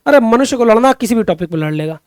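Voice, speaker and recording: Expressive and fast, this young man's extremely high voice comes through clean studio sound with no echo. Leading an online Hindi exam-prep class, he repeats the questions, addresses students as friends and children, urges them to respond, and at times digresses into fervent remarks about society.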